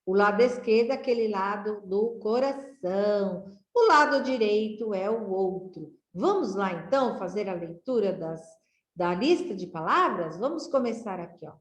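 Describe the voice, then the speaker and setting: A Brazilian woman teacher giving a children's literacy lesson, reading aloud slowly in a sing-song way with rising exclamations. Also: medium pitch, expressive, echoey room. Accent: Brazilian Portuguese.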